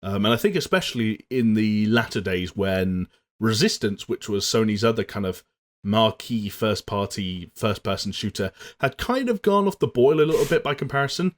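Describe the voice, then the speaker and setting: Young guy with a lowish voice hosting a gaming chat, smooth and chatty, keeps things moving. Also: animated, moderate pace. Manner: fluent, steers the talk with segues. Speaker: podcast co-host. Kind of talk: casual chat.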